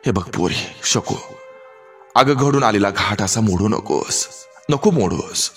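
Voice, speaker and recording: A man's voice: fairly low pitch, lively intonation, unhurried, soft background music. A man doing a begging old village father. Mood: pleading. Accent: rural Marathi. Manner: soft, begging and tearful. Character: poor aging village father, humble and pleading.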